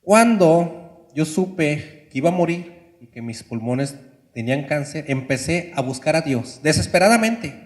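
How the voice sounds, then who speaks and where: A man voicing a dying young man of twenty-four, earnest and given to high, strained cries. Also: animated, unhurried, big-room sound.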